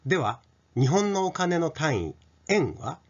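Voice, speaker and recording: Male teacher, middle-aged, lively swinging voice, demonstrates sounds slowly for kids. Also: a little high. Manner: slow, drawn-out sound demonstrations. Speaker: English teacher. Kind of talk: pronunciation lesson for children. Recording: dull lo-fi recording.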